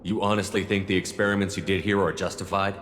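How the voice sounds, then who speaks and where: A man's voice: sits low, little pitch movement, quick pace, fairly bright tone. A man voicing a tough, blunt military commander in a video game, direct and commanding. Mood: challenging. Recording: reverberant hall, faint music behind. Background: faint music.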